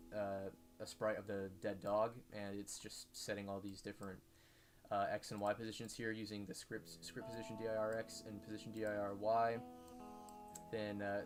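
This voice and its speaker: A man with a fairly low voice narrates a casual screen-recorded coding tutorial. He talks haltingly, full of fillers and restarts, often correcting himself mid-sentence. Clear music plays underneath. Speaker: modding tutorial host. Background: background music.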